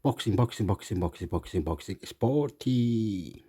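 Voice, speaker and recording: Guy riffing over a video, warm and loose, repeats phrases, laughs a lot. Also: lowish voice, lively intonation, unhurried, husky. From Chile. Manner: rambling, repetitive, laughs often. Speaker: vlogger commenting on a video. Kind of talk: casual rambling commentary.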